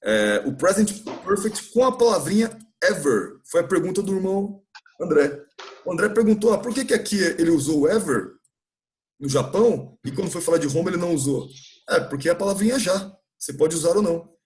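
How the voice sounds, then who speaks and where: A Brazilian man with a high-pitched, slightly mellow voice teaches English fairly quickly and with lively intonation. Working in a church classroom, he explains grammar patiently and keeps checking in with his students.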